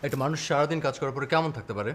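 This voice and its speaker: A man's voice: mid-range voice, rapid-fire, slight background noise, close to an everyday voice. An actor playing a tired husband, curt and dismissive toward his wife, later remorseful. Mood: irritated. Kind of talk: TV drama acting.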